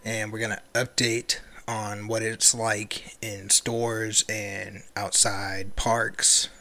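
A young man co-hosting a family podcast in casual chat, relaxed and halting, with lots of fillers and restarts. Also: fairly low pitch, gravelly. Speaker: podcast co-host.

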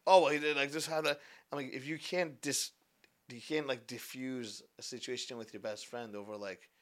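A man's voice: medium pitch, fairly even intonation, normal speed, a bit bright. A man in his twenties, a podcast guest in casual chat, talking animatedly, repeating himself and acting out what people say. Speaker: podcast guest, business founder.

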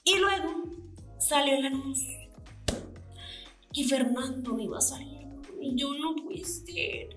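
This woman's voice is high-pitched and a bit bright, and she speaks unhurriedly with frequent pauses. As a podcast co-host, she chats about a race in a relaxed way, dramatizing her reactions through gasps and whispers, in a roomy space with faint music behind her.

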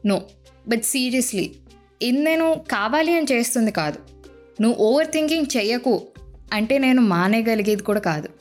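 A woman's voice: a little high, lively intonation, normal speed, faint music behind. A young woman hosting a podcast, talking straight to the listener in a playful, self-mocking monologue and acting out her anxious inner thoughts, with English phrases mixed in. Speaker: podcast host.

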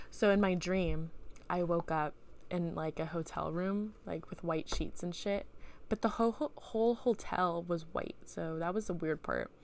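A young woman hosting a solo podcast, telling loose, profanity-laced stories in a relaxed, casual way into a home computer mic. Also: fairly low pitch, slight background noise. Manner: loose, profane storytelling with laughs. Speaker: podcast host.

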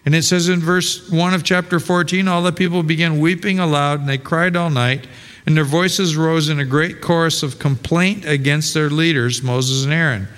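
A man's voice: fairly high pitch, fairly even intonation, normal speed, fairly bright tone, clean tone. A male pastor preaching a sermon in a conversational way, full of rhetorical questions and restarts. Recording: long hall reverb.

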